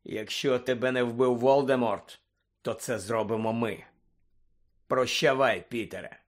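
A man reading an audiobook, voicing a calm, grave male wizard who speaks quietly and evenly. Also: medium pitch, natural voice. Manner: quiet, measured.

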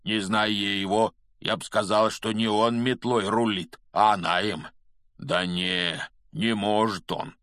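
A big, gruff, kindly gamekeeper, as a man puts him on in a fantasy audiobook. He mutters in homely, rustic speech, a little lower than the reader's own voice. The recording is close and dry. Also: steady tone, measured pace, fairly bright tone, dry recording. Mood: puzzled.

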